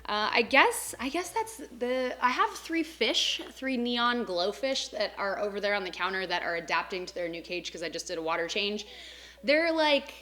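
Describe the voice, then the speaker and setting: A young woman talking about her pets in a casual home vlog, her voice bright and clear. She chats on easily, full of "um" and "like", and is a little out of breath. She sounds at ease and talks straight to her viewers. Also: medium pitch, moderate pace, hardly any pauses. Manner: chatty, filler-heavy with frequent "um" and "like". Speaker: pet vlogger. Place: home animal room.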